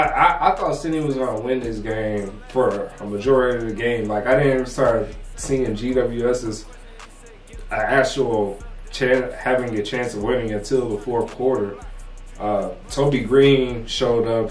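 Laid-back young man, roomy echo. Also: medium pitch. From United States. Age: young adult. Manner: laid-back, slangy, drops "bro" and "man". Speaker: co-host. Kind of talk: casual sports recap chat. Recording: roomy echo, mic at a distance.

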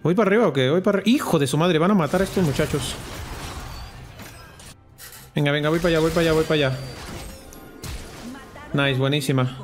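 A man with a Mexican Spanish accent giving live gameplay commentary, excitable, repeating words in quick runs, swearing often and dropping in English words. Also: a little high, faint music behind. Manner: excitable, rapid repetitions, frequent swearing, mixes in English words. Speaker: gamer streamer.

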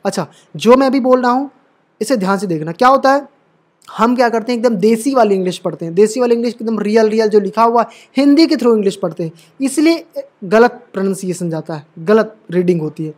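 A man's voice: high voice, expressive, fairly quick, darkish tone. A man teaching English pronunciation rules at a board, explaining patiently and repeating himself often to check that students follow. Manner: calls viewers brother and dear. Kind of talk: classroom lesson at a board.

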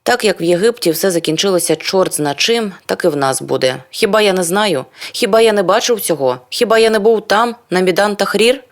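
Brief: audiobook reader, first-person literary narration, brooding and introspective, mid-pitched voice. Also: lively intonation, brisk, few pauses. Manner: brooding, introspective, rhetorical questions.

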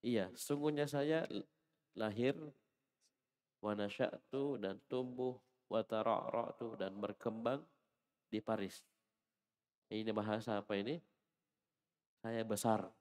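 A man's voice: fairly low pitch, fairly even intonation, slow, pauses often, a little mellow, in a large hall. A man teaching a classroom Arabic lesson, patiently explaining and correcting a student's reading. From Indonesia.

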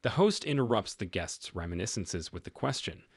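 Low, husky male recap narrator. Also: expressive, moderate pace, no echo. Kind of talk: scripted story narration.

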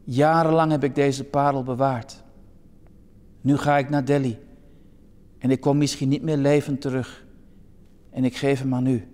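A man reading out the part of an old, humble pearl diver in an earnest, slow and deliberate way, in a sermon anecdote. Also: medium pitch, level tone, darkish tone, lightly acted. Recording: long church reverb.

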